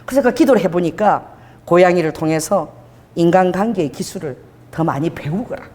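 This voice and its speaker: A woman pastor delivering a sermon in an animated, conversational storytelling manner. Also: lowish voice, fairly quick, long reverb tail. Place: church hall.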